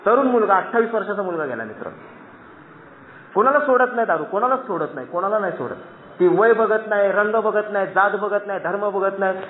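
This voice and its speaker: A man's voice: high-pitched, animated, fairly quick, slight background noise. A man in his thirties from Maharashtra giving an earnest, emphatic personal testimony to a meeting from a dais, often calling out to his friends. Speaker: recovery meeting speaker. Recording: echoey, tinny phone-like recording.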